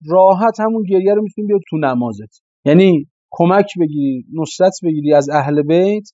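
A preacher with a higher-pitched, mellow voice gives a religious sermon, driving his points home with rhetorical questions and repeated phrases. The dry, lo-fi recording sounds slightly dull and has no echo.

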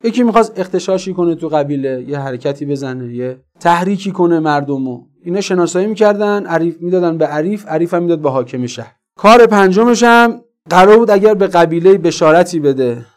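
A man delivering a religious sermon in a fairly high voice. He speaks to the crowd directly and with passion. He keeps rising into loud, pressing rhetorical questions. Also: lively intonation. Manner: addresses the audience directly. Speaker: preacher.

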